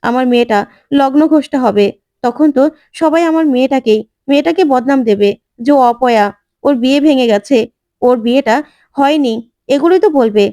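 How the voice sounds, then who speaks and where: A woman's voice: sits high, warm tone, dry recording, close to an everyday voice. A woman voicing a worried, tearful mother of the bride who laments.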